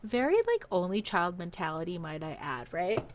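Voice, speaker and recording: The audio is very noisy as she shares a personal story in relaxed podcast fashion, bringing other people's lines to life. Her voice is on the low side and her pace moderate.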